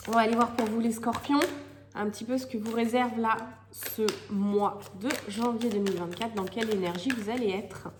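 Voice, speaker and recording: A woman's voice: medium pitch, a little mellow. A woman with a slightly cracked voice from a head cold, chatting casually and searching for words as she reads tarot cards. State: has a lingering head cold. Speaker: tarot reader hosting monthly horoscope videos. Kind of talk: casual chatty card-reading commentary. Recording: clearly noisy recording with clicks.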